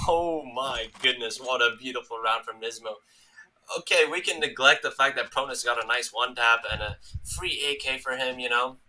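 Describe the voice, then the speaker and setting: Male esports caster, very bright tone, hoarse edge, excitable play-by-play. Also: medium pitch, moderate pace, poor audio. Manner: excitable, rising to yells at big plays. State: losing his voice. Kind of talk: live game commentary.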